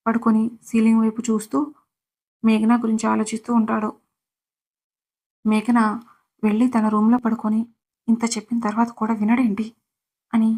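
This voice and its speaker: Woman narrator, high and level voice, steady storybook reading. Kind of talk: narrating a serialized love story.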